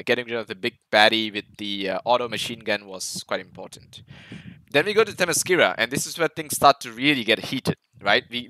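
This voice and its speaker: Bright-voiced man reviewing a film. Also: medium pitch, no room sound, rough recording. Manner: enthusiastic, many fillers and restarts. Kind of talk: casual movie breakdown commentary.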